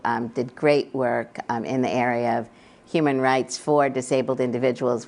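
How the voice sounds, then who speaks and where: A woman with a strikingly deep voice moderates a panel discussion. She explains in measured phrases, with halts between them.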